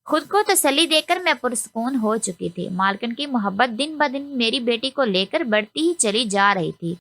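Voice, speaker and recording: A woman tells a first-person moral story in an earnest, confiding voice. Her voice sits high and sounds bright and clear. The recording is dry and close, with no room around it. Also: lively intonation, no room sound. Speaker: story narrator.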